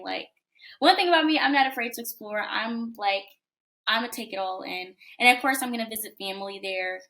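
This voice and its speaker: A woman's voice: medium pitch, vocal fry, sharp tone. A young woman in her twenties, a college student guest, chatting in a casual interview over a video call, upbeat and full of fillers. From United States. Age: 20s.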